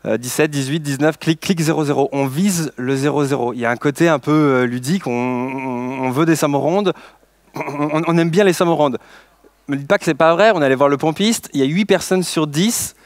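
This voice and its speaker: A man's voice: on the high side, moderate pace, no room sound. A man in his thirties from France telling a story in a conference talk, with many hesitations and restarts and playful asides to the audience. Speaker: social entrepreneur giving a conference talk.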